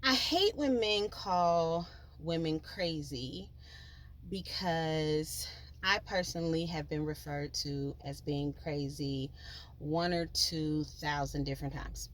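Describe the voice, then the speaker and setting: A woman hosting her own podcast, telling a life story in a chatty, slangy, animated way, with sons at home. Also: low-pitched, takes it slowly, slight background noise. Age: adult, with children. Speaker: podcast host. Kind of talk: storytelling monologue.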